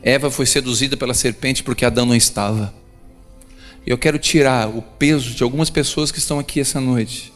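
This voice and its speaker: Animated male pastor. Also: medium pitch, fairly quick. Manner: animated, rises to emphatic peaks. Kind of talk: sermon with storytelling. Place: church. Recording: echoey church hall, soft music.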